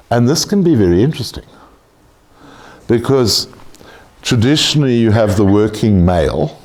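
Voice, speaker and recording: A man's voice: deep voice, darkish tone. A man lecturing a class on tax, blunt and joking, swearing casually.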